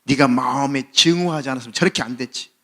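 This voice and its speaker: A pastor voicing a low, relentless accusing devil. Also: male voice, fast talker, fairly bright tone, close to an everyday voice. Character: accusing devil whispering condemnation.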